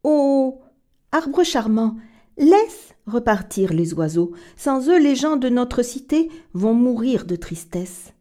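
A woman voicing an eager, brave young boy hero in a storybook, exclaiming brightly. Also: on the high side, takes it slowly, voice pushed up. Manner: lively, exclaiming.

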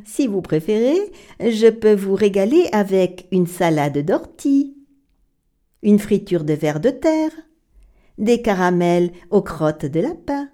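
Sly apprentice witch, put on by a woman reader; slow, lively delivery. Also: mid-range voice. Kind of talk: children's storybook reading.

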